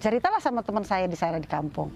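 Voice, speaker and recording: A middle-aged woman tells her own story in a relaxed, chatty interview. She talks with many fillers and restarts and slips into the voices of the people she quotes. Faint background noise and birdsong sit behind her voice. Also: mid-range voice, very fast, gravelly. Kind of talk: casual personal storytelling.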